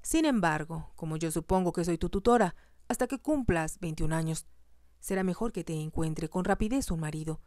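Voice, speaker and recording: A woman's voice: fairly low pitch, animated, moderate pace, darkish tone, no room sound, clean studio sound, close to an everyday voice. A woman voicing a haughty, hostile stepmother who speaks in a cold, curt and scornful way.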